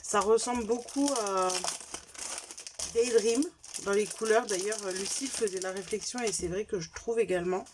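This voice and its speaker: A woman's voice: medium pitch, steady tone, moderate pace, background noise. Chatty French woman showing craft buys. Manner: chatty, self-correcting, lists items one by one. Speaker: craft vlogger showing purchases. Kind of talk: casual show-and-tell haul.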